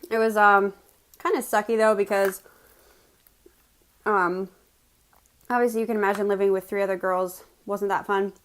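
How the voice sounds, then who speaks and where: A woman from West Virginia with an American accent tells personal stories in a casual, chatty way to viewers, pausing to chew as she eats. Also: medium pitch, fairly even intonation, a bit bright. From West Virginia, United States. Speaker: mukbang host telling personal stories.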